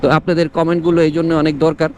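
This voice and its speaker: A man's voice: a little high, little pitch movement, quick pace. A man with a Bangladeshi accent giving casual opinion commentary to his viewers as a motovlogger, mixing English words into his talk, speaking from inside a helmet. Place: outdoors on the road, talking from inside a helmet. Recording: outdoor traffic and vehicle noise.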